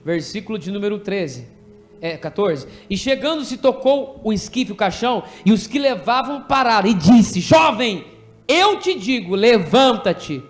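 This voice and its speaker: A man with a Brazilian Portuguese accent preaching an animated, jokey sermon in a church, directing people from the pulpit to act out a story. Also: sits high, normal speed, faint music behind. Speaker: pastor. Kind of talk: lively sermon with congregation re-enactment.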